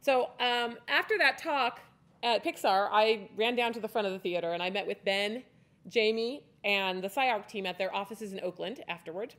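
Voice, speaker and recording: A woman from the United States in her forties gives a conference presentation at a podium mic on the stage of a large hall. Her medium-pitched, slightly bright voice moves at normal speed, and her delivery is chatty and loose, with restarts and fillers.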